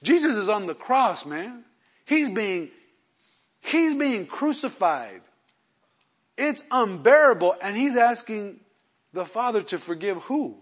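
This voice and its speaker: A male pastor preaching a sermon who tells personal stories, moving between hushed storytelling and loud, emphatic preaching. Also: high voice, sing-song, slow, long pauses, slightly rough. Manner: acts out quoted voices in his stories.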